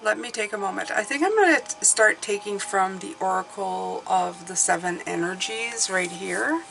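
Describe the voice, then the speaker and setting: A woman giving a casual mystical horoscope card reading as a tarot reader, musing and pausing as she thinks aloud, indoors at a table. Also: medium pitch, gravelly, poor audio. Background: soft classical music.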